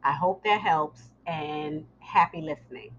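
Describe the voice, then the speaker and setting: A woman's voice: sits low, animated, a little slow, fairly bright tone, a little hiss or hum. A woman host giving an informal spoken announcement to her listeners. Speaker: host introducing guest lessons. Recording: muffled, dull lo-fi sound.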